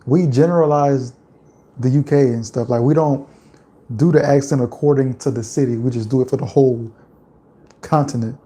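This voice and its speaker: With a Louisiana accent and a medium-pitched voice at a moderate pace, this man from Louisiana, USA hosts a livestream. He rambles easily, chatting and reading aloud comments from viewers.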